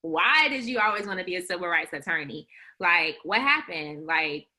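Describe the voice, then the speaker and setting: Young adult woman, bright tone, webinar coach, chatty, animated, lots of filler "like", laughs between phrases. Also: fairly low pitch, moderate pace. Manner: chatty, animated, heavy use of "like". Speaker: law school admissions coach. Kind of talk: webinar presentation.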